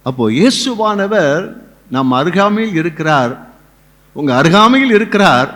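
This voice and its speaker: Animated high-voiced preacher in a reverberant church hall. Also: male voice, a little slow. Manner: preaching with rising, repeated rhetorical questions. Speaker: pastor. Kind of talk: Pentecostal sermon.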